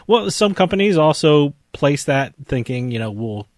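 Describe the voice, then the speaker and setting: A man's voice: a little high, very animated, normal speed, dry recording. A man with a New Jersey accent co-hosting a casual podcast, asking questions and chiming in often. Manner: asks questions, frequent short acknowledgments. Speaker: co-host, attorney.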